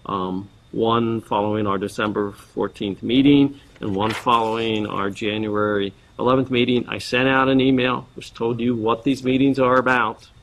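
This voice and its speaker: A man's voice: medium pitch, fairly even intonation, moderate pace, few pauses, fairly bright tone, poor audio. A man chairing a board meeting, running through agenda items in a procedural way with frequent ums.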